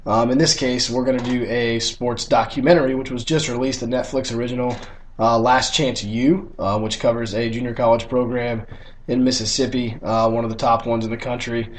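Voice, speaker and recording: A young man hosting a casual sports podcast, talking loosely and bluntly. He swears freely and ribs his co-host. A faint hiss sits under his mid-pitched voice. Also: little pitch movement, fairly quick.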